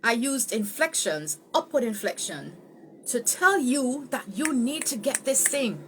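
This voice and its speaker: A woman teaching a live online speech tutorial, greeting viewers and swooping her pitch up and down to show emphasis. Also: expressive, unhurried, slight background noise. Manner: greets viewers by name, laughs easily. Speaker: speech coach.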